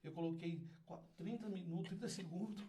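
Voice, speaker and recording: A man's voice: high voice, fairly quick. A Brazilian man with a Brazilian Portuguese accent, telling stories as a podcast guest, laughing and acting out voices with lots of energy. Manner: exuberant, laughing, acts out voices loudly. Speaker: guest, community founder. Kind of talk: animated storytelling.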